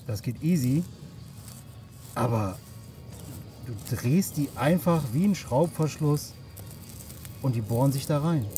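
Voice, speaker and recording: Outdoors by a river at a campsite, a man films a camping vlog on his handheld phone, speaking casually and jokingly in everyday language to the camera and a companion. His mid-range voice is animated and warm but slow, with frequent pauses, while faint music plays behind and faint outdoor noise colors the phone audio.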